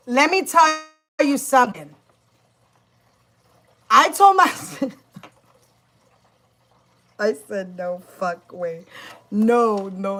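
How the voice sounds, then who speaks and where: Bright-voiced woman venting emphatically. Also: mid-range voice. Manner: emphatic, profane, many restarts. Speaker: spiritual practitioner and YouTuber. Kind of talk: casual vlog storytime.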